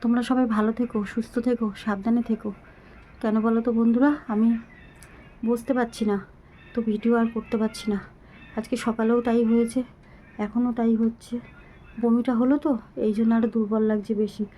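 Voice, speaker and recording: A middle-aged woman talking slowly and haltingly to her viewers into a phone camera, weak and short of breath. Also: a little high, level tone, dark tone, a little hiss or hum, low-quality recording. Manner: slow, halting, pleading. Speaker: vlogger. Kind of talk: casual talk to viewers.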